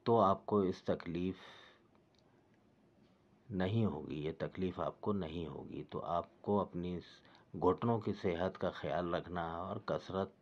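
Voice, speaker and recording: A man calmly explaining knee exercises step by step, as a fitness instructor. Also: low-pitched, dull audio. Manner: patient, repetitive step-by-step guidance.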